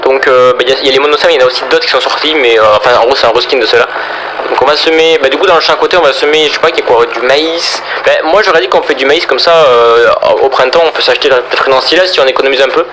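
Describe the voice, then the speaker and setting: A man's voice: medium pitch, very fast, background noise. A young man hosting a gaming video, chatting casually and rambling as he plays and talks to his viewers. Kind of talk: casual gameplay commentary.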